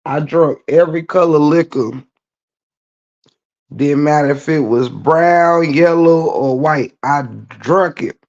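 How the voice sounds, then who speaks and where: Her voice gravelly and scratchy from a night of singing, a low-voiced woman hosts a livestream from her bed at home. She speaks slowly in a slightly mellow tone, laid-back and chatty, greeting viewers by name over dull lo-fi stream audio.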